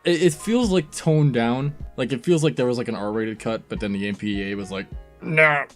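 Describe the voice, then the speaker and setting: A man's voice: mid-range voice, a little mellow, faint music behind. A man co-hosting a casual film review chat, joking around and swearing freely. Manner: casual, swears freely, quick jokey asides.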